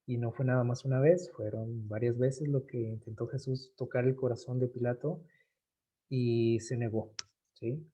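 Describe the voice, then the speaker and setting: A man's voice: mid-range voice, fairly even intonation, normal speed, warm tone. A man leading an informal Bible study, reading passages aloud and explaining them in a conversational way with speech.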